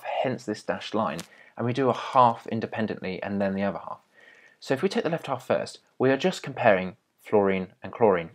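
Young guy tutoring chemistry, low voice, slow step by step explaining. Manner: patient, step-by-step explaining with small restarts. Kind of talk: explaining at a whiteboard.

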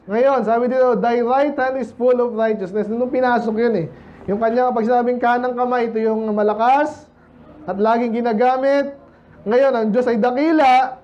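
A man's voice: very high voice, a little mellow, highs cut off. A man pastor preaching a sermon in a conversational way, quizzing the congregation and mixing in English phrases. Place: church service.

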